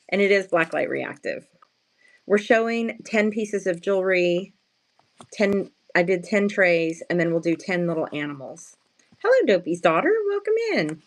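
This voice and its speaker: With a lowish, slightly hoarse, just-woken morning voice, a woman sells handmade crafts on a livestream, chatting casually and playfully with viewers. She often addresses them directly, pokes fun at herself, and uses slangy wording.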